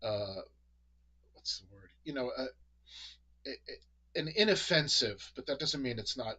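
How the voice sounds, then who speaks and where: A man's voice: medium pitch, expressive, measured pace, sharp tone, breathy edge, rough recording. A man from New England hosting a casual chat, rambling with many fillers and restarts. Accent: New England American. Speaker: podcast host.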